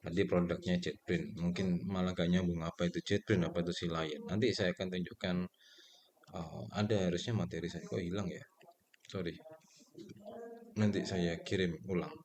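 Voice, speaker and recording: A man, speaking in a lowish register, teaches programming in a loose, chatty way. He puts questions to the class and answers them himself, with plenty of fillers along the way. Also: moderate pace. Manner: relaxed and conversational, with frequent fillers and self-corrections. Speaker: programming lecturer. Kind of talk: casual spoken lecture.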